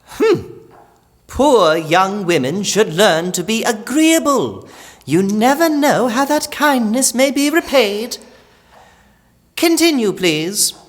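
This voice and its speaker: A woman's voice: fairly high pitch, sing-song, long reverb tail. A woman playing a stern, scolding old great-aunt in a period audio play, imperious and prim. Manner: imperious, prim, drawn-out delivery.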